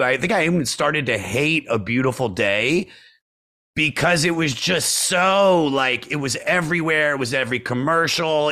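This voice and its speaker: A man hosting a podcast, chatting casually and excitably, dropping into low mutters and bursting into laughter. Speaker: podcast host.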